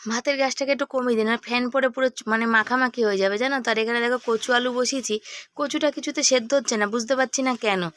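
A middle-aged woman talks fast in a high, bright voice that is hoarse from a cold. She chats casually to her viewers as she cooks in her home kitchen. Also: dry recording. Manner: chatty, talks to viewers while cooking. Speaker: vlogger. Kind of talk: casual cooking vlog chat.

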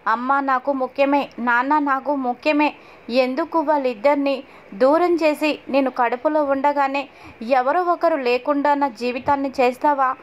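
A woman's voice: high voice, lightly acted. A woman voicing a worried, tearful middle-aged mother-in-law in a sorrowful lament. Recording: dull lo-fi audio.

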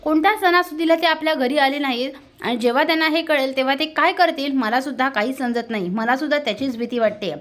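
A woman's voice: high voice, quick pace, hardly any pauses, fairly bright tone. A woman voicing a firm young married woman who lectures her in-laws in a stern way.

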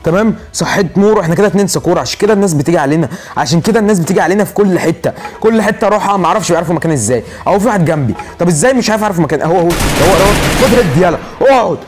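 A man with an Egyptian accent giving live commentary over a mobile shooter game, excitable and talking to himself, repeating words urgently. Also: high voice, very fast, hardly any pauses. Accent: Egyptian Arabic. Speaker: gaming channel host.

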